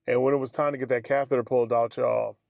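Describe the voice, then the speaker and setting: A man streaming, telling a personal story in a casual, animated way, acting out the dialogue and calling his listeners family and fellas. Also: medium pitch, fast talker, vocal fry, dry recording, muffled recording. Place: home streaming setup.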